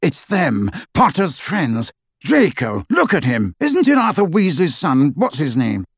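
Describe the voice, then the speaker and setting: A man's voice: a little high, wildly swooping pitch, measured pace, slightly rough, no echo, studio quality, pitched above the performer's own voice, exaggerated voice. A man voicing an eager, impatient aristocratic man. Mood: excited.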